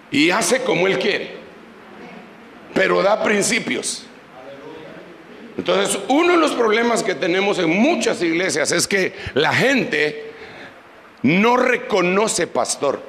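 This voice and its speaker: A man's voice: high-pitched, big pitch swings, slow, vocal fry, pauses often, a bit bright, reverberant, big-room sound, slight background noise, low-quality recording. A man preaching a sermon as pastor, leading the congregation in prayer. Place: church.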